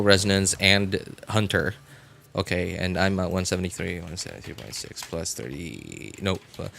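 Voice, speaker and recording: A man streaming a game chats casually as he theorycrafts, thinking out loud hesitantly and repeating himself a lot. His voice sits fairly low in pitch with a fairly bright tone.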